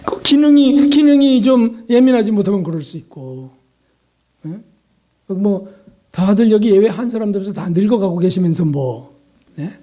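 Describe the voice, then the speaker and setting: An older man preaching a sermon as a pastor, earnest, asking his listeners questions and slipping into soft prayers. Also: high voice, expressive, normal speed, muffled recording.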